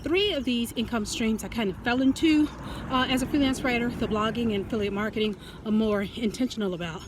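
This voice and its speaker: A woman's voice: on the high side, a little fast. An American woman, out of breath from walking, gives casual advice as a video host while speaking through a face mask. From United States. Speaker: host of a writing-tips video series. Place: outdoors, walking. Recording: outdoor traffic and street noise.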